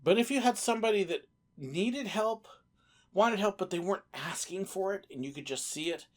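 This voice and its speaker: A woman's voice: medium pitch, animated, moderate pace. A woman telling casual stories as a former theme park entertainer, acting out bits of conversation as she goes. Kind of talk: casual anecdotal storytelling.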